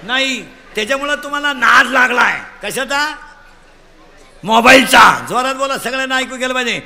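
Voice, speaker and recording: A man preaching a comic devotional sermon. His voice sits very high and sounds piercingly bright. He teases the listeners, fires questions at them and shouts for louder replies. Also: a little fast. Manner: teasing, quizzes the crowd, shouts prompts. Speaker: kirtan preacher. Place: live gathering.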